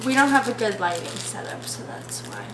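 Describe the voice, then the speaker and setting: A woman's voice: fairly high pitch, animated, fairly quick, crowd noise. A young woman chatting casually as a vlog co-host. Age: young adult. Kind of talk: casual chat. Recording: very noisy echoey room.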